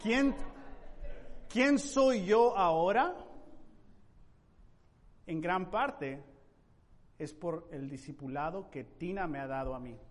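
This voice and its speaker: A man preaching a sermon in an emphatic way, with sudden loud rising questions. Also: a little high, big-room sound. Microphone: microphone.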